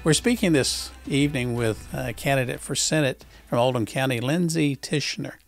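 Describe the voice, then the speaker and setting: A male talk show host, interviewing in a halting way, repeating words and filling pauses with uh. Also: medium pitch, vocal fry, dry recording, soft background music. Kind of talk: conversational political interview.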